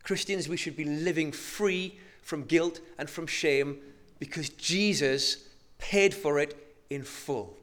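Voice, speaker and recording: A man preaching a sermon, moving between hushed, slow emphasis and loud, rising exhortation. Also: a little high.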